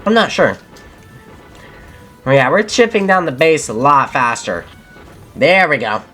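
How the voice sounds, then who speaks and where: Faint game music plays as a young man hosting his channel comments casually on a game. His slightly high, bright voice is forceful and very animated, yet unhurried, and he reasons aloud, revising himself mid-sentence.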